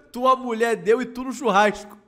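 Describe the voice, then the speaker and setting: A man's voice: very high voice, fairly even intonation, normal speed, pushed and bright, slight background noise. A young man with a Rio de Janeiro Brazilian accent in casual comic commentary, breaking into hysterical laughing fits as he talks. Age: young adult. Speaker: streamer. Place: small indoor home room. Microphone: desk microphone with headset.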